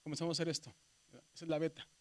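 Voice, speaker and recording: A man teaches a classroom of seminary students. He walks them slowly through the Greek alphabet, checking in with them again and again and naming each letter aloud. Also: a little high, flat delivery, a little mellow. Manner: patient, repeats "¿verdad?" and spells letters aloud; addresses students as brothers. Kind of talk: classroom lesson.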